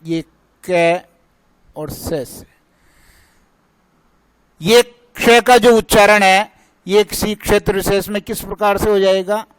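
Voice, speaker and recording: A man's voice: high voice, steady tone, normal speed, clear, resonant tone, dry recording, rough recording. A male teacher giving a grammar lesson, drilling points by asking a question and answering it himself.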